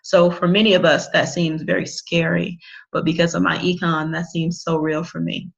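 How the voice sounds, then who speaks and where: A woman's voice: lowish voice, level tone, gravelly, highs cut off. A woman in her thirties hosting an online business orientation meeting, talking in an upbeat, promotional way. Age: 30s. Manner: upbeat, promotional, spells out contact details slowly. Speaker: business boot camp host.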